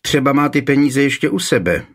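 A man's voice: medium pitch, expressive, pitched above the performer's own voice, natural voice. A man voicing a spoiled, lying young man pleading and accusing in a raised, whining voice.

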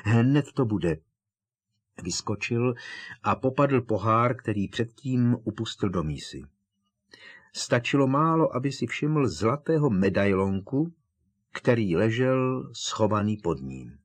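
A man with a husky voice reads an audiobook in a steady, dramatic storytelling style. His pitch sits in the usual middle range for a man. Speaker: audiobook narrator. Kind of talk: scripted narration.

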